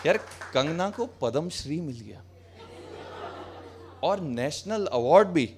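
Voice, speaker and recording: Amid crowd noise and a noisy background, a young man with a fairly high, lively voice takes his time performing live stand-up on a small cafe stage. Into a handheld mic, he jokes with the audience in a sarcastic, conversational style, alternating Hindi and English.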